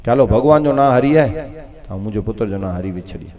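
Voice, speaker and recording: Animated Gujarati katha storyteller, man. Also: a little fast. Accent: Kutchi Gujarati. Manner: animated storyteller, acting out characters with sudden pitch jumps. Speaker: Bhagavat katha preacher. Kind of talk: storytelling religious discourse. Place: live katha program.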